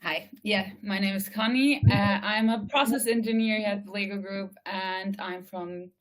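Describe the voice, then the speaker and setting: A woman's voice: mid-range voice, steady tone, normal speed, rough recording. A woman from Chile and Germany, a process engineer, introducing herself over a video call in a light, giggly manner.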